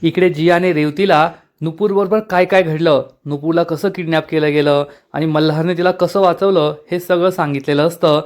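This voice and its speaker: एक पुरुष मालिकेच्या भागाची गोष्ट ओघवत्या शैलीत सांगतो. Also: male voice, a little high, steady tone. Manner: brisk storytelling. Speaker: serial recap narrator. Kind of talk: scripted narration.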